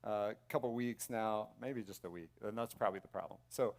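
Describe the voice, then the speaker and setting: A man hosting a church service, making loose, halting announcements with many fillers and restarts. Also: fairly low pitch, gravelly. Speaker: church host. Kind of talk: casual stage announcements. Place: church sanctuary stage.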